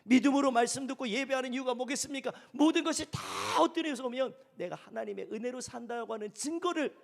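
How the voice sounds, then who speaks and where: Male pastor, sermon, very high voice, long church reverb, swings from hushed to loud. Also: fast, vocal fry. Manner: animated preaching, swinging between soft murmurs and loud exclamations. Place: church sanctuary.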